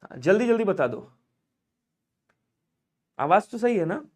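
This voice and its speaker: A man with a high-pitched voice teaches an online exam-prep Hindi class. He keeps asking the students questions and answering them himself in a call-and-response drill. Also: big pitch swings, a little slow, a little mellow.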